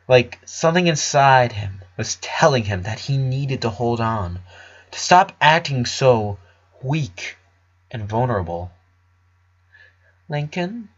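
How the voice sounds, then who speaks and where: This fan fiction reader performs a story like a dramatic audiobook, voicing each character. His voice is medium in pitch and a bit bright. The recording is muffled.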